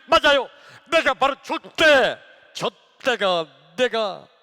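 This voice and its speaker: A man's voice: high voice, fairly bright tone, voice pushed up. A man voicing a distraught church deacon who wails and complains to Jesus about past hardships. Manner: wailing, complaining, protesting. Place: church sanctuary. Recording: reverberant church hall.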